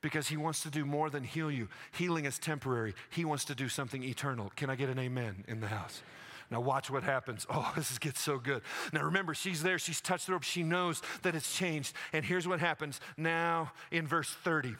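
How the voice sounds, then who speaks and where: Man, pastor, animated sermon storytelling, high voice, very bright tone. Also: brisk.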